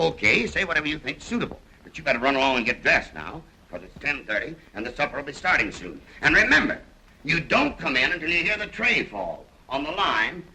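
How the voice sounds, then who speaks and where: A man's voice: fairly high pitch, sharp tone, full character voice, poor audio. An actor playing a boisterous, showman-like American millionaire in a 1930s film. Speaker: American millionaire castle owner. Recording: old film soundtrack with music.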